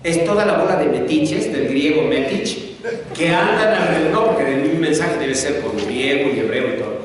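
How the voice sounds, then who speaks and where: A pastor delivers a sermon with a playful, conversational touch, slipping jokes in between the verses. His voice sits a bit high for a man. He sounds distant, swallowed in the long reverb of a large hall. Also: a little fast, a crowd in the background. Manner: humorous, conversational. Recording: echoey hall from far off.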